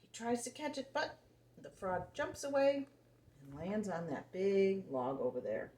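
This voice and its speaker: A very animated woman with a medium-pitched, darkish voice tells a picture-book story to little ones at a measured pace. She keeps things simple and expressive while questioning her listeners. The audio carries a roomy echo and faint background noise.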